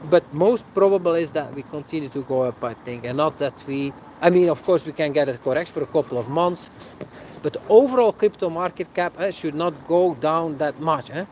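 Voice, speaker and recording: Casual livestream host, a touch high-pitched, thinks aloud hesitantly, faint street noise behind. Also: male voice, fairly quick, a little mellow, poor audio. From Belgium. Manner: hesitant, many fillers, ends sentences with a tag "eh?". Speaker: livestream host answering viewer questions. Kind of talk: casual live Q&A.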